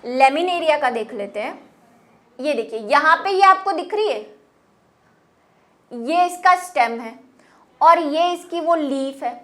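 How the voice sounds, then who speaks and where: High-voiced woman teaching biology. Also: pushed and bright. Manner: explanatory, repeats key terms in Hindi and English. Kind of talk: classroom lecture.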